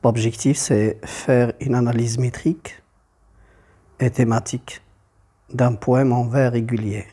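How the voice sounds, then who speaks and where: A man's voice: mid-range voice, flat delivery, measured pace, long pauses, warm tone, breathy edge. A man teaching a methodical poetry lesson, repeating his key points. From Morocco.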